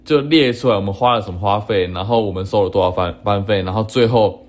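A young man, a podcast guest telling an embarrassing story with hesitant restarts. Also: on the low side. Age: young adult. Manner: halting, with restarts and nervous laughs. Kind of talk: casual storytelling chat.

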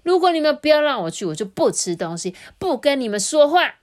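A woman voicing a stubborn little boy dinosaur who whines loudly and insists on his way. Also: fairly high pitch, big pitch swings, moderate pace, pitched above the performer's own voice. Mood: defiant. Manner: whiny, loud and insistent.

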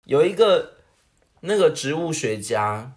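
Podcast co-host, animated pitch, frequent giggling, casual joke chat. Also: slow. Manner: laughs a lot, giggly high bursts; animated, swings pitch widely. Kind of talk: casual comedic chat, telling jokes.

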